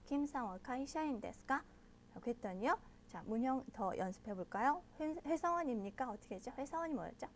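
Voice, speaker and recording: Woman, language teacher, high voice, patient step-by-step explanations, frequent check-ins. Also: expressive, slight background noise. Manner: models pronunciation slowly and loudly. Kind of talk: online language lesson.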